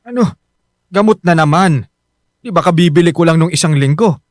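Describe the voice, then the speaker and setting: In a Filipino radio drama, an actor plays a poor, easily rattled husband and father who frets about money, sounding plain-spoken, grumbling and reproachful. His slightly high, everyday-sounding voice moves at a moderate pace, recorded dry and clean in a studio with music playing beneath it.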